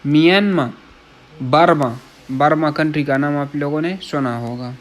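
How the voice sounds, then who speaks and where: Speaking on the high side, this Pakistani man runs a casual Korean vocabulary class. Every word gets read, repeated and glossed in Urdu, and he checks often that the audience is keeping up.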